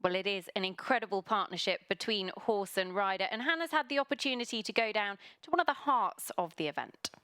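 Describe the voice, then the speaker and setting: A woman presenting live equestrian sport from a studio, brisk and upbeat. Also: medium pitch, sharp tone, clean tone, no room sound.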